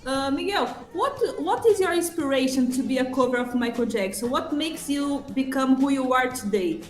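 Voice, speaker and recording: A woman with a high, bright-toned voice interprets live, relaying questions in English and summarizing answers in quick Portuguese. Her voice rings in a roomy space, and music plays softly behind her. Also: animated.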